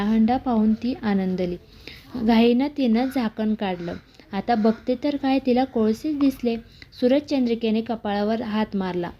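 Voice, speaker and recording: A woman reading a devotional story aloud, with small slips and restarts, raising her pitch for quoted characters. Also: highs cut off.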